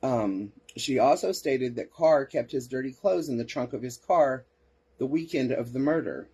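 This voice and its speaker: Warm and slightly rough, a man's mid-range voice moves at a moderate pace as he hosts a podcast. He reads case reports aloud, then breaks away to make sarcastic comments and answer listeners' chat messages.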